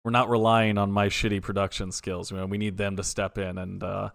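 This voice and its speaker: Low-voiced man hosting, close dry sound. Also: level tone, fairly quick, gravelly, a bit bright, no echo. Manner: effusive, informal, rambling questions. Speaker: livestream host. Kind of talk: casual interview chat on a livestream.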